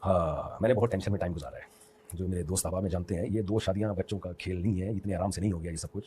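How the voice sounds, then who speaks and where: A man's voice: deep voice, steady tone, racing, mellow, breathy edge. A middle-aged man with a Pakistani Urdu accent, a religious scholar answering interview questions in an emphatic, lecturing way with joking asides.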